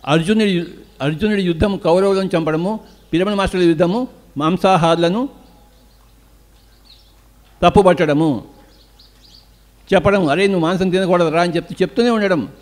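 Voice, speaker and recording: A man's voice: high-pitched, moderate pace, long pauses, a little mellow. An older man with a Telugu accent giving a spiritual discourse, asking rhetorical questions and answering them in short repeated lines. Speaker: spiritual teacher.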